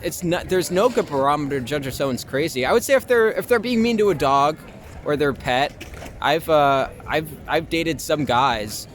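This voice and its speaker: Out in a city park with traffic clearly audible, a young performer from Long Island, New York, gives a relaxed street interview. His voice is fairly high and animated, at a moderate pace. He jokes at his own expense, swears often, and leans heavily on "like."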